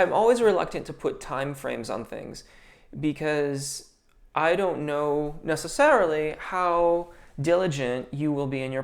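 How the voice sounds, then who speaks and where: Reading viewer comments during an informal live-stream Q&A, a young voice teacher responds with technical singing language. His voice is creaky and on the high side, and his speech is dotted with ums and restarted sentences.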